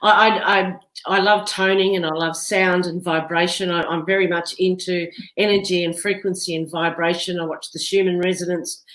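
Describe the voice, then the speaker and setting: A woman's voice: on the low side, little pitch movement, normal speed, few pauses, a bit bright. Chatty woman host in an echoey room. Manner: chatty, agreeable, often adds tag questions. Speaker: podcast host. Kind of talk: casual interview chat.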